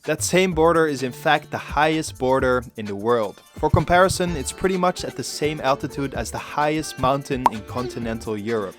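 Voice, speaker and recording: A man's voice: mid-range voice, animated, normal speed, few pauses. A man talking and narrating casually as a travel vlogger, with a tongue-in-cheek manner. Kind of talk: casual vlog talk and narration. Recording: music behind, travel vlog.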